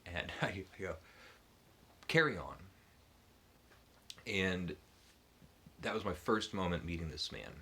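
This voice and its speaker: A man's voice: sits low, steady tone, moderate pace, pushed and bright, slightly rough. A man hosting his book channel, casually telling a personal story to the camera with many ums and restarts. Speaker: booktube channel host.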